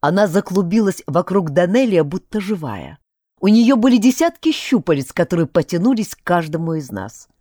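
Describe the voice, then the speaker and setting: A woman narrates a fantasy audiobook in first person, acting it out expressively with widely swooping pitch and distinct voices for each character. Her dark, mellow tone comes at a moderate pace, recorded close and dry with no room sound.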